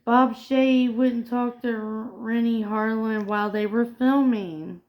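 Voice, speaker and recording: High-voiced woman reading trivia, lo-fi. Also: steady tone, takes it slowly. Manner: reads facts aloud, often stumbling and correcting words. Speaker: co-host. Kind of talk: casual chat reading film trivia.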